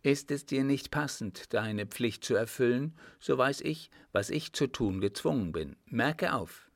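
A man's voice: mid-range voice, lively intonation, unhurried, gravelly, dry recording, studio quality. A man voicing a dutiful tribesman who speaks seriously and steadily, holding firm. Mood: firm, earnest. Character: earnest, dutiful young tribesman, defiant but calm.

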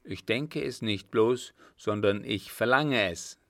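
A man voicing a young man in love, earnest and determined, in his own plain low voice. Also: slow, vocal fry, a bit bright, no echo, clean studio sound, exaggerated voice.

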